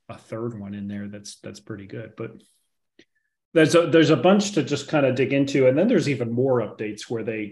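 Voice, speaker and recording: A man's voice: mid-range voice, a little mellow. Rambling man in casual gaming chat. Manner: rambling, heavy on fillers and restarts. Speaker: podcast co-host.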